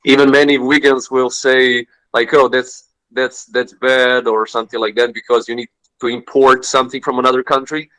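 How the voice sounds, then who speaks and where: A man's voice: mid-range voice, little pitch movement, moderate pace, a bit bright, no room sound, low-quality recording. A man speaking as a panelist in an online discussion, hesitant and searching for words. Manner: hesitant, with fillers and restarts.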